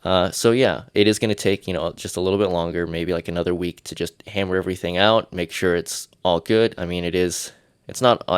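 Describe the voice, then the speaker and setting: Studio-quality audio with no echo carries a low, smooth male voice. He's an Irish host doing a solo podcast with blocked-up sinuses, wandering off on tangents and poking fun at himself.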